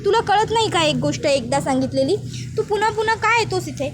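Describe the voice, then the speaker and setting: A woman's voice: extremely high pitch, expressive, a little fast, background noise, voice pushed up. A woman voicing a stubborn, grieving young woman who speaks sharply. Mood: angry. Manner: sharp, indignant.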